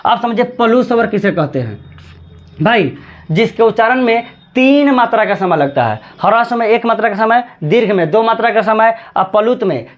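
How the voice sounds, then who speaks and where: A man teaching a grammar lesson, repeating words slowly and drawing out chanted examples. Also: high voice, lively intonation, muffled recording.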